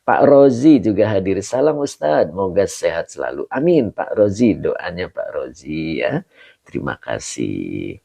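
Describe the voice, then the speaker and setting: A man's voice: deep voice, very animated, a little slow, gravelly, mellow. A man, an Islamic preacher, greeting viewers on a live stream, reading their comments aloud and answering with prayers and chuckles.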